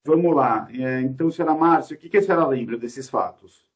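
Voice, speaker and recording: A man's voice: medium pitch, fairly quick, lo-fi sound. Man taking a formal statement, off-mic. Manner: polite, hesitant, with restarts. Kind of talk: formal questioning. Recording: voice distant from the mic.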